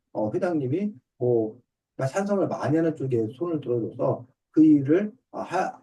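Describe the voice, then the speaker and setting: A middle-aged man who writes and teaches reading answers a student's questions in an online book discussion class, explaining politely, step by step, in simple terms. His voice is mid-range and warm, heard through a distant mic on a video call.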